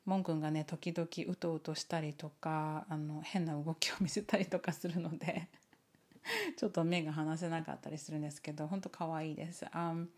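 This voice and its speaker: A woman with a low-pitched, somewhat dark voice chats casually to camera as an online teacher and video host, rambling unscripted at a moderate pace. She switches between two languages, repeating herself in both, and chuckles now and then.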